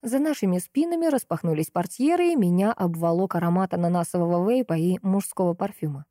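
A woman reading a novel aloud in the first person, with steady storytelling. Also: on the low side, fast, dry recording, clean studio sound. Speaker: audiobook narrator.

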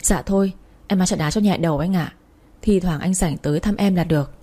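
A woman's voice: fairly low pitch, fairly quick, mellow, lightly acted. A woman voicing a polite, deferential man of thirty who sells tea on the street. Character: humble thirty-year-old street tea seller man.

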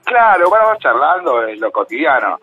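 Male phone-in caller, Argentine, husky, very lively storytelling, faint music behind. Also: fairly high pitch, moderate pace, narrow, tinny audio. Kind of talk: casual personal storytelling.

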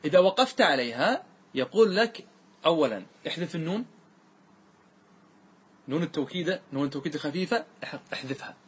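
A man teaching a grammar lesson to a class, quizzing students with quick questions and reciting verses slowly and drawn-out. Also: on the high side, lively intonation, husky.

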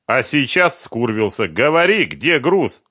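A man's voice: medium pitch, sing-song, measured pace, sharp tone, no echo, clean studio sound, voice pushed up, exaggerated voice. A man voicing a scornful, menacing gangster boss in an audiobook, taunting and barking demands. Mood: demanding.

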